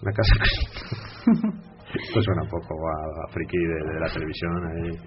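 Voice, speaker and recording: A man's voice: rumbling low, completely flat delivery, brisk, very noisy. A man co-hosting a radio show, jokey and teasing in casual banter. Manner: jokey and teasing, laughs often. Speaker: radio co-host. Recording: dull radio broadcast with music behind.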